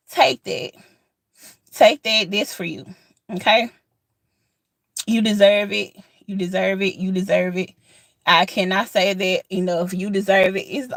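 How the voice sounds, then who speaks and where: A woman in her thirties records a relaxed outdoor vlog in the sun, her mid-range voice a little bright with no echo. Her manner is sincere and supportive, loose and repetitive, heavy on filler words.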